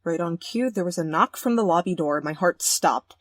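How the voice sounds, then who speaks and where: A woman's voice: lowish voice, lively intonation, normal speed, no room sound. A young woman playing a romance game, reading the story aloud and joking in slang. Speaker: let's play host. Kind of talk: game let's play, narration with commentary.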